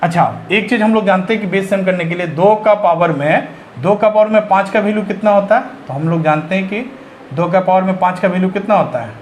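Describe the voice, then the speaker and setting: High-voiced man teaching a maths lesson. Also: quick pace, slight background noise. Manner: works through sums step by step, asks and answers himself. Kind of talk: exam-prep maths lesson.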